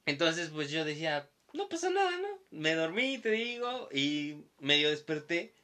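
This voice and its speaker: A man's voice: a little high, lively intonation, measured pace, sharp tone. A young man with a Mexican Spanish accent telling a story in casual chat, acting out quoted voices and laughing often.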